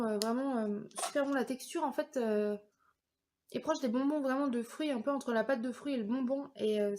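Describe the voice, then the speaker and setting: A woman from France in her thirties talks casually through a review vlog, pausing often on fillers. Her voice sits a little high. A faint noise hangs under the recording. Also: a little mellow. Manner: chatty, many hesitations and fillers. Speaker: vlogger.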